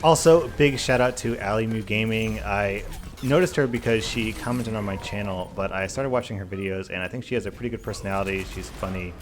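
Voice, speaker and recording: A man's voice: on the low side, fairly quick, slight background noise. A man talking casually and earnestly in a Q&A gaming vlog, stressing his points with repeated, emphatic phrases. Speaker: YouTube gaming content creator. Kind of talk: casual Q&A vlog talk, reading questions and answering.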